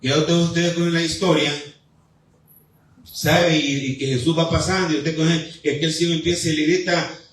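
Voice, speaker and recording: A pastor with a high-pitched, steady voice delivers a fervent sermon in a church sanctuary, building his appeals through repetition and pauses. The audio is very echoey, captured from some distance in the hall.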